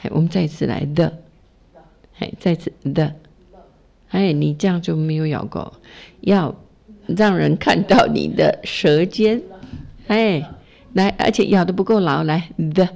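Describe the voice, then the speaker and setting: A middle-aged woman from Taiwan coaches her class in a low, gravelly voice. Her tone is dark and mellow. She chats along, encouraging and full of fillers, and stops often to model sounds. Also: measured pace, pauses often. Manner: chatty, encouraging, heavy use of fillers, models pronunciation. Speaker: English teacher leading a Buddhist study class.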